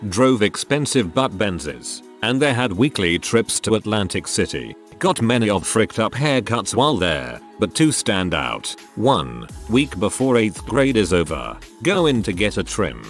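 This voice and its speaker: Low, lively man reading stories aloud. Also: a little slow, hardly any pauses, faint music behind. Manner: steady read-aloud storytelling. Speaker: narrator.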